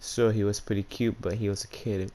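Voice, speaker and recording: A man hosts a YouTube channel and reads fan fiction aloud, speaking in a loose, slangy way with R's that come out as W's due to a speech impediment. He's brisk, with a lowish, mellow voice and a flat delivery.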